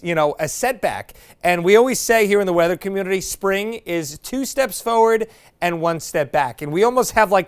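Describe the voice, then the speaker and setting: A man's voice: high-pitched, smooth. A man presenting a TV weather forecast in a chatty, folksy way with casual asides. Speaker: meteorologist.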